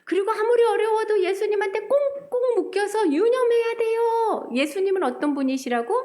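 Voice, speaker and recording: High, lively woman preaching to children. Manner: sing-song, exaggerated, asks children questions and acts out voices. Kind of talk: animated children's sermon.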